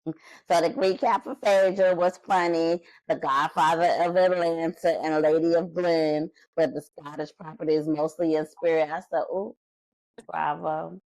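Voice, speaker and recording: A woman's voice: low-pitched, flat delivery, moderate pace, a little mellow, no room sound, low-quality recording. Blunt, shady woman recapping reality TV. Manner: blunt, shady, acts out quotes. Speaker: podcast co-host. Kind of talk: casual recap chat.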